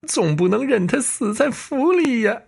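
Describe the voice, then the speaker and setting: A man voicing a worried middle-aged lady of the house, speaking high and urgent. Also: lively intonation, unhurried, vocal fry, a little mellow, slightly rough, full character voice. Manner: high-pitched, urgent pleading.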